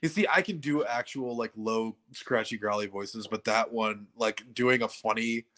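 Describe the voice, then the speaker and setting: A man co-hosting a podcast, chatting casually and chiming in with quick reactions. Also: fairly low pitch, a bit bright. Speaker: podcast co-host. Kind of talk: casual chat.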